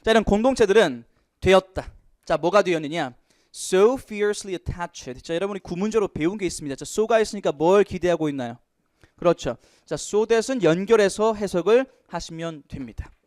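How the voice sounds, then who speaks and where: A male English teacher giving an exam prep lecture, lively, asking questions and answering them himself. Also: high-pitched, brisk, no room sound, clean studio sound.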